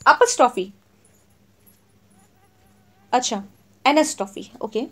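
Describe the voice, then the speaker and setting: A woman teacher explaining English literary terms in a Hindi exam lesson. She reads English definitions slowly and word by word, then explains them in Hindi, often checking in with "theek hai". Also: on the high side, lively intonation, fairly bright tone.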